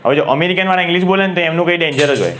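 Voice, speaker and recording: Gujarati-accented male teacher, slightly high voice, quizzes his class, faint room hum behind. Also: rapid-fire, fairly bright tone. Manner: asks the class questions and repeats key words. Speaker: English grammar teacher.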